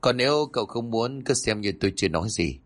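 A man's voice: mid-range voice, expressive, fast talker, close to an everyday voice. A man voicing a sly, manipulative older fortune-teller who speaks smugly. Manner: smug, insinuating.

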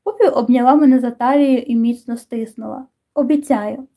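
A woman narrates an audiobook in calm, even storytelling. Her voice sits high and sounds soft and mellow. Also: a little fast. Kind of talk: scripted narration.

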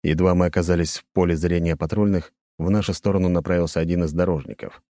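A male narrator reads an audiobook in an even, measured way. His voice is very deep and warm, and it sits close and dry. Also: no room sound.

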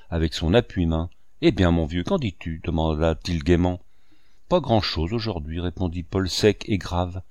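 A man narrating an audiobook in a measured, even reading. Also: low voice, no echo, clean studio sound.

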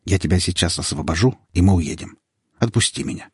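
A man voicing a tender husband rescuing his wife, speaking gently and with urgency. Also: low voice, a little fast, slightly rough, no room sound, clean studio sound. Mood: soothing. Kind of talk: audiobook character voice.

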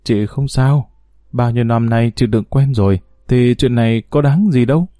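A man's voice: mid-range voice, normal speed, mellow, dry recording, clean studio sound, natural voice. A man voicing a patient, long-suffering wife who speaks in a choked, restrained way, in an audio story.

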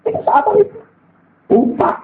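A man preaching a sermon with a Makassar Indonesian accent, telling stories with lively voiced quotes and humor. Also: moderate pace, slight background noise. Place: mosque or gathering hall. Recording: echoey hall, thin phone-like sound.

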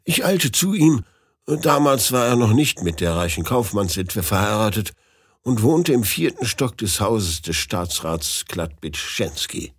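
Husky-voiced male storyteller. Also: mid-range voice, dry recording, clean studio sound. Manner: measured, dramatic storytelling. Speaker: audiobook narrator. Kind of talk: scripted story narration.

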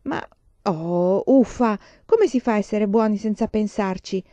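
Brief: impulsive teenage girl, voiced by a woman reading aloud, emphatic, mellow tone, dry audio. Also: mid-range voice, animated, moderate pace, no echo, close to an everyday voice. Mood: earnest.

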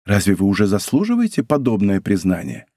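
A man's voice: fairly low pitch, huge pitch swings, fairly quick, warm tone, no room sound, clean studio sound, pitched below the performer's own voice, exaggerated voice. A male reader voicing a cunning, vengeful noblewoman who probes and commands in a tense, scheming way.

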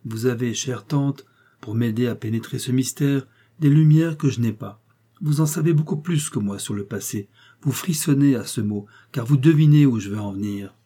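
A man reading aloud gives voice to a troubled young nephew who presses hard with questions. His tone is dark and husky, and he sounds grave and insistent, straight from a spoken storybook. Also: mid-range voice, normal speed, lightly acted. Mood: urgent.

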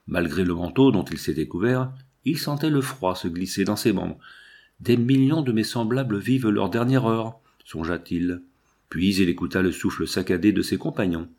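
A man reading a novel aloud as an audiobook narrator, measured and lyrical with dramatic pauses. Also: on the low side, darkish tone.

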